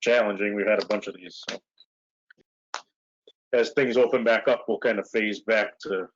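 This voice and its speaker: Low-voiced mayor, rambling and relaxed. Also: male voice, normal speed, slight background noise. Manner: relaxed, rambling with many fillers. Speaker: village mayor chairing board meeting. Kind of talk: casual meeting talk. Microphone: video call. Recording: muffled lo-fi video call audio.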